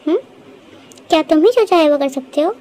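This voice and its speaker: A furious young wife in a fan-made audio drama, voiced by a woman. She throws bitter accusations in a very high, strained voice. The hurt cuts through every line. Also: expressive, fairly quick, dark tone.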